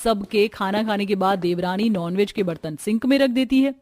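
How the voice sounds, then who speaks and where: A woman narrating an animated family story in an even, explanatory way. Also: mid-range voice, moderate pace.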